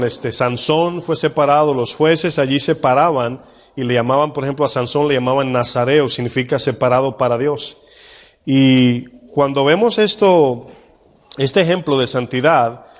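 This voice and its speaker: Male pastor mid-sermon, reads verses slowly with weight; church hall reverb. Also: medium pitch. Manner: asks the congregation questions, reads scripture slowly.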